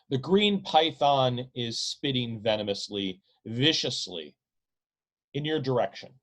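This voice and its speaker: A man performs literary narration of a novel he wrote, using a medium pitch and a deliberate, dramatic delivery with long, emphatic phrases.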